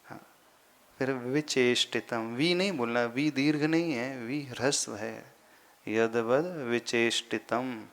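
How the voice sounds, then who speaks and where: A man, a monk teaching Sanskrit verse pronunciation, patiently repeating syllables slowly and deliberately. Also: mid-range voice, fairly bright tone. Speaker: Jain monk teaching scripture recitation. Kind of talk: slow explanatory lesson on Sanskrit pronunciation.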